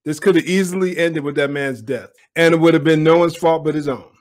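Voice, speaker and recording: A man's voice: on the high side, brisk, darkish tone. A man giving opinionated commentary on a police video, speaking bluntly and directly to his viewers.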